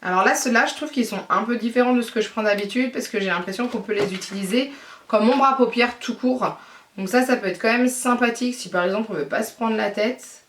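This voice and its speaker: A woman's voice: fairly high pitch, brisk, fairly bright tone, far from the mic. A woman beauty vlogger chatting casually to camera about her purchases, gushing over them and hesitating often. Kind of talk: casual haul chat to camera. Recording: roomy echo, voice a bit off-mic.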